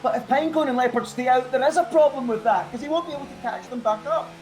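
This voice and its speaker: A man's voice: very high voice, quick pace, darkish tone, slight background noise. A man giving co-commentary and analysis on a live esports race, chatty and fond of rhetorical questions.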